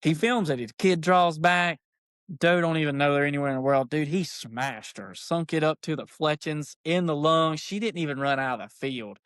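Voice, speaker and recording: A man, an archery shop owner, telling stories as a podcast guest in a folksy, animated way. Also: fairly high pitch, normal speed, smooth, dry recording, studio quality. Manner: animated, folksy, says "dude" a lot. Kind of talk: casual storytelling chat.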